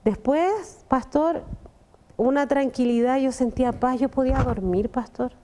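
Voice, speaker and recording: A woman's voice: sits high, unhurried, dark tone. Earnest woman giving testimony. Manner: earnest, repeats words, often addresses the pastor. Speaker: testimony guest. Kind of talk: emotional personal testimony.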